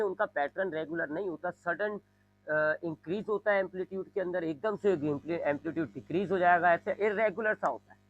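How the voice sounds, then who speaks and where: A man teaching a physics lesson, explaining slowly and repeating his points, now and then imitating sounds. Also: a little high, a bit bright, lo-fi sound. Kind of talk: classroom lecture.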